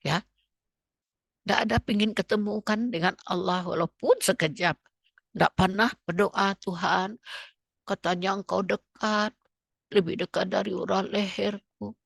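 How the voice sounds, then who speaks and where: A woman's voice: mid-range voice, creaky, a bit bright, breathy edge, no echo, clean studio sound. A middle-aged woman from Indonesia teaching a religious study group in a conversational preaching style, often checking in with tag questions and interjections. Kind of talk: Islamic study-group sermon.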